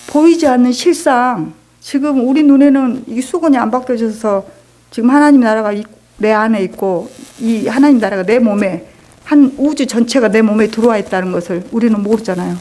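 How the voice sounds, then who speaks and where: A woman's voice: a little high, darkish tone, rough recording. A middle-aged woman, a church deaconess, telling her religious testimony to a congregation in an earnest storytelling manner. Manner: earnest storytelling, acting out her own and God's words.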